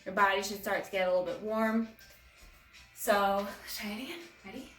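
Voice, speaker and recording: A woman's voice: medium pitch, steady tone, normal speed, a bit bright, faint music behind. A woman teaching a guided yoga class for children at home, talking in a friendly, encouraging way. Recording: echoey room, mic at a distance.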